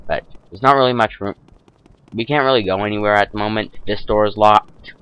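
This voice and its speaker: A man's voice: on the low side, fairly quick, a bit bright, smooth. A young man giving casual gameplay commentary as a let's play host, with a sarcastic, wry manner. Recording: faint game music behind.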